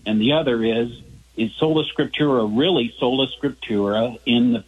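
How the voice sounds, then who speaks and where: A man's voice: mid-range voice, moderate pace, breathy edge. A man from South Carolina phoning in to a call-in radio show, his voice coming through a phone line as he methodically lays out his questions point by point. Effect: voice heard over a phone line on the radio. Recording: tinny narrow-band phone line.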